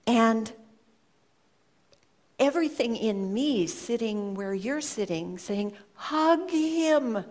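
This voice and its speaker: A woman giving a reflective storytelling talk to an audience, speaking in an earnest, measured way with pauses. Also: medium pitch, a little mellow. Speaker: speaker sharing a personal story.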